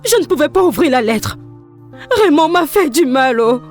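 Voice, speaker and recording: A woman's voice: high voice, animated, normal speed, soft background music. An actress dubbing an emotional young woman who pleads and cries out, in a French film dub. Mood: bitter. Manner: pleading, emotional, often crying out.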